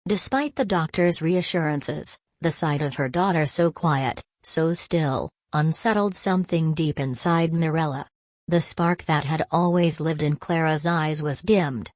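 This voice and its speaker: A woman giving scripted narration of a family drama in a dramatic, measured way. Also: low voice, darkish tone, no echo.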